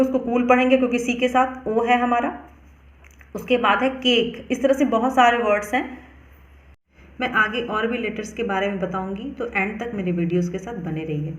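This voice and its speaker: Slow, spelling-out woman teacher, echoey room. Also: on the high side. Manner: slow, deliberate, spells words out letter by letter. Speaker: English pronunciation teacher. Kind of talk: explanatory lesson.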